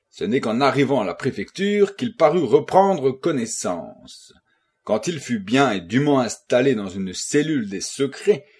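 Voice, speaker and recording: A man reading a classic novel aloud as an audiobook narrator, voicing the characters' lines as he goes. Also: breathy edge. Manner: voices characters' quoted lines with lively, rising pitch.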